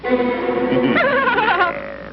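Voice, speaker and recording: A man voicing a huge, bullying, arrogant cartoon villain sailor with a booming, gruff voice and pompous bluster. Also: wildly swooping pitch, unhurried. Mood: menacing, gloating. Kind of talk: 1930s theatrical cartoon acting. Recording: muffled vintage cartoon soundtrack with loud music.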